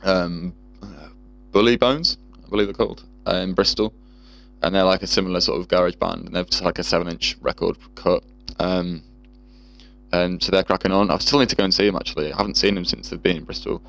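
A man's voice: low-pitched, steady tone, fairly quick, vocal fry, a bit bright. A man in casual chat, rambling and swearing freely with lots of fillers. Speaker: guest musician.

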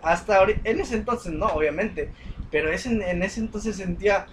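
A man's voice: sits high, normal speed, slight background noise, rough recording. A young man telling a story in casual chat, with many fillers and restarts. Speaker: podcast co-host.

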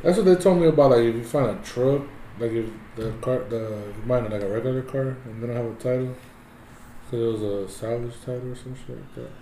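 A man talks quickly and casually with his friends. His speech is slangy and informal. The recording is echoey, with faint noise in the background. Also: medium pitch, dark tone. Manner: informal, questioning, frequent "like".

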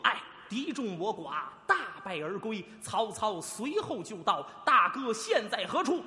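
A man voicing a heroic male general in a traditional storytelling sketch, formal and loud. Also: high voice, very animated, measured pace, exaggerated voice. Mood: urgent. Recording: echoey hall.

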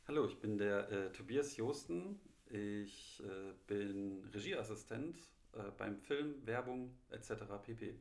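A man from Munich, working as an assistant director, answers interview questions in a hesitant way, full of pauses and filler sounds. His voice is low with a gravelly, creaky edge. It is recorded in an echoey living room. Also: expressive, a little mellow. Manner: hesitant, many ums and pauses.

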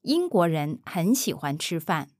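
Woman, lively pitch, very slow deliberate delivery, dry close studio sound; model speaker for a language course. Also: no room sound. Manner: slow, careful pronunciation, says each phrase twice. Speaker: Mandarin speaker modeling answers. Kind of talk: slow repeated model answers.

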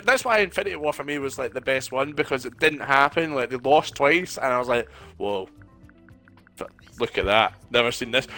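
A man's voice: fairly high pitch, sharp tone. A man in casual chat over a board game, laying out his opinion step by step. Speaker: podcast co-host.

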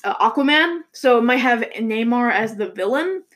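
A woman's voice: on the high side, lively intonation, moderate pace, fairly bright tone. A young woman hosting a casual movie news chat, rambling with many fillers and restarts. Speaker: show host.

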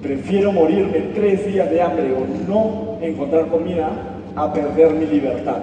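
A man's voice: fairly high pitch, measured pace, pitched below the performer's own voice, natural voice. A hungry, weary lone wolf, played by a man telling a fable asks earnest questions in a raised voice. The sound comes from far off in a reverberant hall, with a faint murmur of room noise behind it. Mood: defiant. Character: hungry, tired, freedom-loving male wolf.

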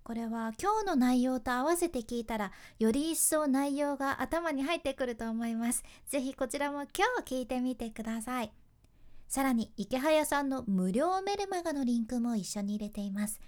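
A woman radio announcer with a Hakata dialect, hosting a chatty advice podcast and explaining with lively asides. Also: sits high, normal speed. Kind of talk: casual spoken advice podcast.

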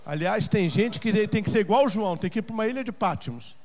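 A man preaching a sermon as pastor in a church, swinging between shouted peaks and hushed passages. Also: high-pitched, lively intonation, brisk. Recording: long church reverb, faint noise.

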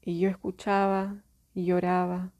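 A woman telling a personal story in a reflective, halting way, often restarting her sentences. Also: fairly low pitch, monotone, darkish tone.

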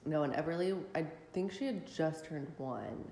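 A woman with a lower voice chats casually as a podcast guest, giggling and apologizing while she eats. The room is echoey with faint noise behind her. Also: animated, normal speed, warm tone. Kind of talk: casual chat.

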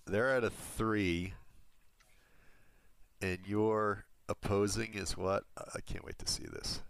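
Low-voiced man running a tabletop game. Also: level tone, slow, vocal fry, clear, resonant tone, dry recording. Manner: musing, low-key rulings with restarts. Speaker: game master. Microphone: home headset or desk mic, level jumping.

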